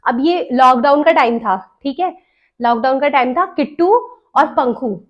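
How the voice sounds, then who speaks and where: The recording is dull and lo-fi: a young woman with a high-pitched, unhurried voice chats casually as a podcast host. She shares stories and laughs as she recalls them.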